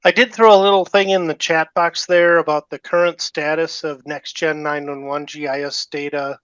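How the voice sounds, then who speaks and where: A man's voice: fairly high pitch, little pitch movement, moderate pace, fairly bright tone, clear, resonant tone, no room sound. Man on a dull, dry video call. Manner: matter-of-fact, with small restarts. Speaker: committee member giving an update. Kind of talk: brief meeting update.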